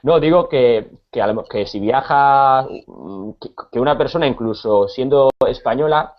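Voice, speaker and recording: A man from Spain with a Spanish accent, teaching a conversational Spanish lesson, pausing often with repeated words and fillers. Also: medium pitch, muffled recording.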